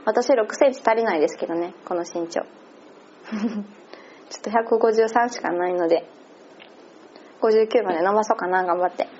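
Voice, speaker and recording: A woman's voice: mid-range voice, normal speed, long pauses, a little mellow, a little hiss or hum. A woman with a Kansai accent chatting casually and laughing often as she recaps an event. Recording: slightly muffled lo-fi audio.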